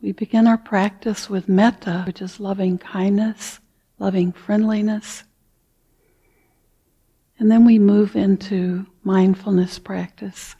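Meditation teacher, female; slow, soft delivery with long pauses, breathy and mellow tone. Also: medium pitch, steady tone, lo-fi sound. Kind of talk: guided meditation.

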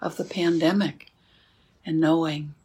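A woman leading a guided meditation as a teacher, speaking calmly and gently with unhurried pauses. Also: deep voice, breathy edge.

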